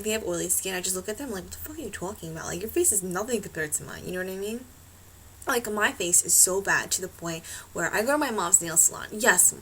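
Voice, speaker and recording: A woman vlogs into her laptop webcam at home with a gravelly, fry-laced voice. She rambles loosely, swears freely and leans on endless fillers. Her pitch sits in a middle range. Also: pushed and bright, slight background noise, poor audio. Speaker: beauty vlogger. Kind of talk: casual chat to camera.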